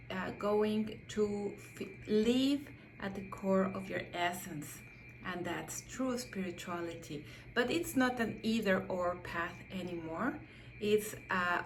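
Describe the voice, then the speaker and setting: A middle-aged Mexican woman, a native Spanish speaker with a Mexican accent, introduces herself as a psychotherapist. Her voice is lowish and a bit bright, and she speaks hesitantly and reflectively with many fillers and restarts. The recording is rough, with a little hiss or hum.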